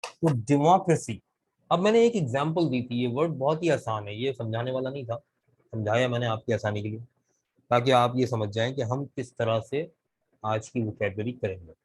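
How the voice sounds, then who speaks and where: A man teaching English vocabulary in a live online class, explaining deliberately and mixing English words into his Hindustani. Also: mid-range voice, a little mellow, slightly rough, poor audio. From Pakistan. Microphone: video call.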